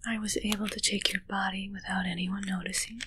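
In an ASMR roleplay, a young adult woman with a mid-range voice plays a sinister, calm, controlling witch who raises corpse familiars. Whispering close to the mic near the camera in a small, dark, curtained room, she speaks slowly and breathily, soothing yet menacing, with a cool, musing mood, a light touch of acting, and heavy background noise.

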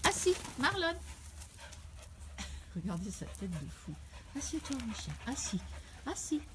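A woman talking casually on a live home video, coaxing and scolding her dogs in an animated way. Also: medium pitch, unhurried, background noise. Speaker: dog owner streaming live. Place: at home, indoors.

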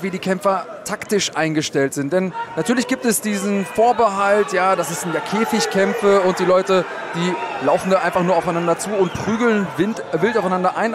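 High-voiced male fight analyst over loud crowd. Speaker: expert co-commentator. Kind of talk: live fight commentary, analytical. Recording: loud arena crowd noise behind.

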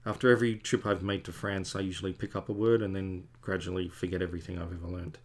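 His voice sits low and level, and he talks quickly. The man, a comic artist in his forties, rambles casually and pokes fun at himself for his stream viewers while drawing at his home studio desk.

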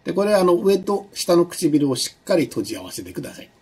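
A male lecturer with a somewhat high, slightly husky voice, delivering a recorded online class. His tone is mellow and soft-edged. He explains patiently, leaning on small fillers, and he slows down to model individual sounds. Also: very animated. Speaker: university lecturer.

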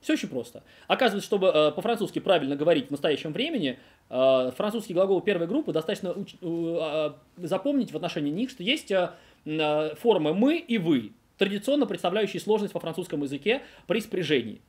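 Fast chatty guy teaching french grammar, lots of uhs and restarts, kinda high voice. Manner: animated and digressive, many filler sounds and restarts. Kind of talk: video grammar lesson.

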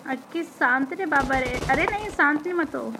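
A woman's voice: high voice, animated, normal speed, noisy background. Chatty woman streaming a shooter game. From Pakistan. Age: young adult. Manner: chatty, teasing, reads out viewer comments. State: hoarse throat. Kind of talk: live-stream chat while gaming. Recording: loud gunfire from the game behind.

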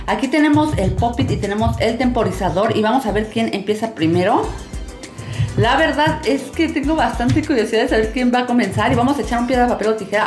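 A woman hosting a toy channel in a casual, playful way, with a bright, sing-song, excitable delivery. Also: on the high side. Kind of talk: casual playful presenting to camera. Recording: roomy echo, music underneath. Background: background music.

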